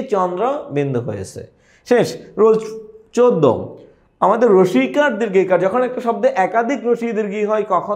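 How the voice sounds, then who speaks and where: A young man teaching a lesson, asking questions and answering them himself while repeating key words. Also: high voice. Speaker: exam prep teacher. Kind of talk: lecture.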